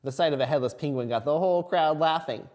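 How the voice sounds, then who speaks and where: A man's voice: on the high side, fast, darkish tone. A man teaching kindergarten reading, reading a picture book aloud expressively as if to a toddler and asking simple questions along the way. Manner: asks the listening children simple questions. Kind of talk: animated picture-book read-aloud for young children.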